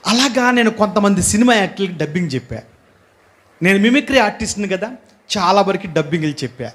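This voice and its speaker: High-voiced man giving a church testimony. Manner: lively, questions the audience often, bursts of hallelujah. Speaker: guest preacher giving testimony. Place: church hall.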